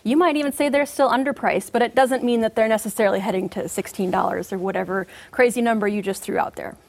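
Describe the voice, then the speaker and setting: A woman commodity market analyst giving measured, explanatory answers full of market jargon in an interview. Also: medium pitch, creaky.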